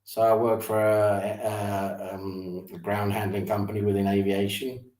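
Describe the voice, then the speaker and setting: A man's voice: lowish voice, little pitch movement, unhurried, a little mellow, roomy sound. A man chatting casually and asking lots of follow-up questions. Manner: curious, asks many follow-up questions. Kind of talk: casual chat.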